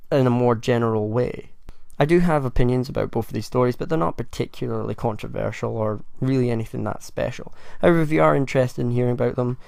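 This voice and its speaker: Gravelly man with a gruff voice. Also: medium pitch, a little mellow, no room sound. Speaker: channel host. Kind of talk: opinion commentary to camera.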